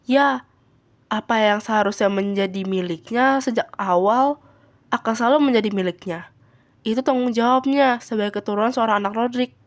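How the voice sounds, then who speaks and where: A teenage girl, a student, narrating a short story in a steady, plain reading voice. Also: fairly high pitch, moderate pace. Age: teens. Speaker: student reader.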